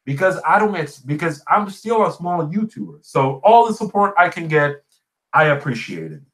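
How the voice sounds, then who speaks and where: Over a rough recording, a man from Puerto Rico chats casually in answer to live viewer comments, speaking at a moderate pace in a fairly high, sing-song, fairly bright voice. He is a podcast host and small YouTuber with Spanish as his first language and a Puerto Rican accent, and he tells stories emphatically, repeating phrases for effect.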